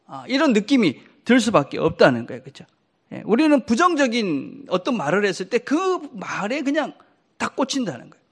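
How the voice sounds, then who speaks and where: A male pastor preaching a sermon to his congregation. His voice sits high for a man and swings widely as he acts out everyday quoted remarks. He keeps turning to his listeners with short questions as he speaks. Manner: animated, acts out quoted lines with sharp pitch jumps; checks in with the congregation often.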